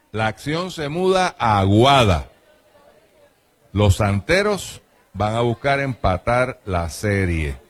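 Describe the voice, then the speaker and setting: A man's voice: medium pitch, a bit bright. A man hosting a show, joking with guests and reading live ads in a playful way. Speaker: host. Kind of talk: radio-style chat and live ad reads.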